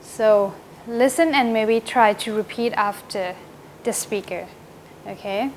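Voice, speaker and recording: A woman's voice: mid-range voice, takes it slowly, slight background noise. A woman teaching an English grammar lesson, patiently correcting questions and often checking in with the class. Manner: patient, checks in with "right?" and "okay?".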